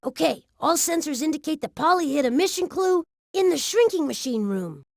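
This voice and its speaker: A woman's voice: sits high, expressive, normal speed, gravelly, over loud music. A woman voicing an eager, cheerful little robot who guides the player through an educational game. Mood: upbeat. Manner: upbeat, instructive. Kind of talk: 1990s educational game voice acting.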